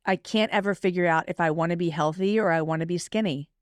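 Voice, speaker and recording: A woman's voice: fairly low pitch, no room sound, studio quality. A woman in her forties, a guest author talking candidly and emotionally in a casual podcast interview. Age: 40s. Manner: candid, emotional, quick self-talk asides.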